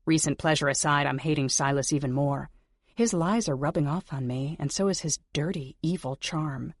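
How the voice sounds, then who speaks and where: A woman reading a first-person audiobook in an intimate manner, sometimes dropping into soft whispers. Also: low-pitched, moderate pace, no room sound, studio quality. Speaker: audiobook narrator. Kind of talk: scripted first-person narration.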